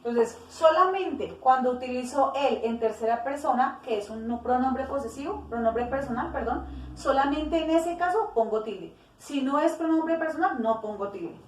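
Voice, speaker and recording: Recorded from afar in an echoey, spacious room, a fairly high-voiced woman teaches grammar expressively at normal speed, moving through the rules step by step. Now and then she corrects herself or performs short sample phrases. A slight hiss or hum runs underneath.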